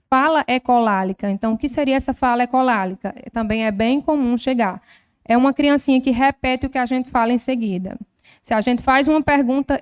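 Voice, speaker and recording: A woman's voice: fairly high pitch, a little mellow, clear, resonant tone. A woman with a Northeastern Brazilian accent, a health professional giving an explanatory talk at a formal session, teaching patiently with many examples. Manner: didactic, explains with examples and diminutives. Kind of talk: lecture at a formal council session. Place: legislative chamber.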